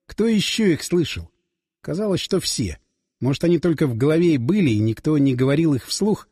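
A man narrating a first-person audiobook in a dramatic, expressive reading. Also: on the high side, a little fast, breathy edge. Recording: dry close voice with long reverb.

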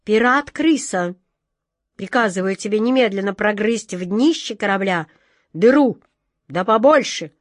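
A woman voicing a bold, bossy female pirate chief in a storybook reading, giving slow drawn-out commands. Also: mid-range voice, expressive, no room sound, studio quality. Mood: commanding.

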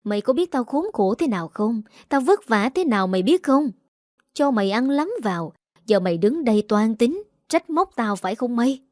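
A woman's voice: medium pitch, animated, a little fast, darkish tone, no room sound, clean studio sound, lightly acted. A woman voicing a harsh middle-aged aunt who scolds coarsely and shrilly. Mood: furious scolding.

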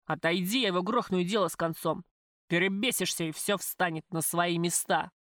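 A woman reading an audiobook, voicing a coarse, possessive male gang boss who talks in rough slang. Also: lowish voice, fairly quick, a bit bright, dry recording, studio quality, natural voice. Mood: threatening.

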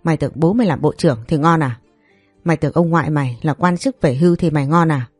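A woman's voice: low voice, fast talker, a little mellow, slightly rough, dry recording, soft background music. A woman voicing a fierce, protective young mother in a storybook, cursing in rage. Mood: furious. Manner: fierce and cursing, then cold.

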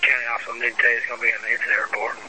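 A man, a police officer, talking briskly and matter-of-factly in radio codes, heard as a police radio transmission. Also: mid-range voice, little pitch movement, noisy background. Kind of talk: radio dispatch talk.

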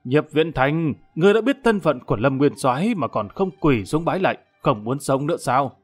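A hot-tempered imperial guard commander, acted out by a male narrator for an audiobook. He is loud, indignant and scolding. Soft music sits behind the voice. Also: fairly high pitch, expressive, a little fast, breathy edge. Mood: outraged. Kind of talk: audiobook character acting.

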